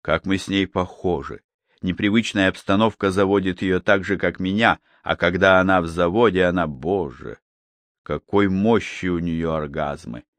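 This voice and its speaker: A man voicing an obsessive veteran male surgeon in an audiobook, giving clipped, crisp orders. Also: medium pitch, expressive, unhurried, hardly any pauses, a bit bright, no echo. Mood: brooding. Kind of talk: audiobook character voice.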